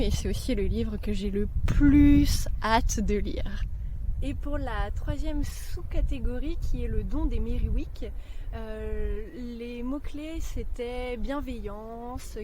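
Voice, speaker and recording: A woman chatting casually about books as a vlogger, pausing often mid-sentence while on a walk outdoors. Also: a little high, warm tone, a little hiss or hum, poor audio. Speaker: book vlogger. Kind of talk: casual book chat while walking. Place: outdoors on a walk among trees.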